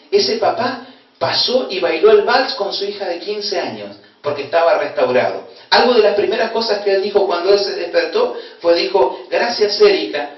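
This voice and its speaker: A man pastor with an Argentine accent from Corrientes, preaching a sermon and telling a story with emotional swings between loud exclamation and hushed tones. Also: sits high. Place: church hall. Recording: very echoey hall, distant dull mic.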